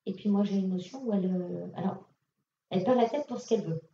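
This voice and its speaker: Here a woman medium talks quickly and warmly to attendees in a conference hall, offering casual, direct readings with many fillers. Her voice is mid-range, carrying a little hiss or hum. It was recorded on a lo-fi mic placed far away in an echoey space.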